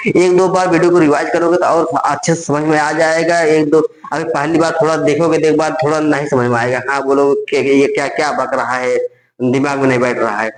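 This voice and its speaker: Repetitive tutor drilling mnemonics. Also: male voice, on the high side, roomy sound, poor audio. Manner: repetitive, drills phrases over and over, asks and answers himself. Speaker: teacher. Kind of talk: exam-prep mnemonic lesson.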